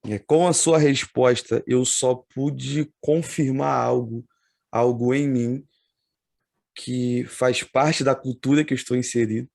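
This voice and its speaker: A podcast host, a man with a gravelly, fry-edged voice. He sounds dry and close, with no room around him. He muses thoughtfully and speeds up when pressing a point. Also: mid-range voice, steady tone, slow pace, a little mellow, no echo. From Brazil. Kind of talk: casual interview talk.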